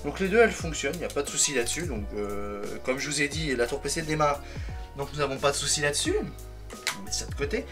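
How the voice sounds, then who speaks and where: A man's voice: a little high, quick pace. Male vlogger, casual tech teardown, chatty and self-correcting, faint music bed. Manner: rambling, self-correcting, fond of "donc". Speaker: tech video creator. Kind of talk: casual hands-on tech vlog.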